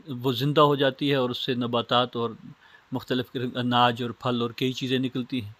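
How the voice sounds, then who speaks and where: A man's voice: mid-range voice, fairly bright tone, dry recording. A man from Pakistan lecturing on Islamic studies, explaining step by step with simple everyday examples. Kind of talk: recorded lecture.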